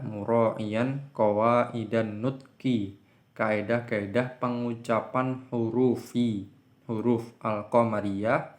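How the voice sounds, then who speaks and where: A man teaching an Arabic reading lesson, stretching out slow model readings of each word between quick explanations. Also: fairly low pitch. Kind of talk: classroom lesson, reading words aloud.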